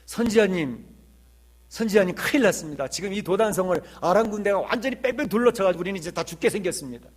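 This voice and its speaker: A man's voice: high-pitched, animated, quick pace, voice pushed up. A man voicing a panicked young male servant who is crying out in alarm to his master. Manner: frantic, urgent pleading.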